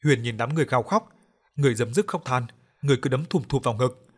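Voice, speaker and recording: A man's voice: medium pitch, fast, breathy edge. A man narrating a horror audiobook in a dramatic storytelling manner.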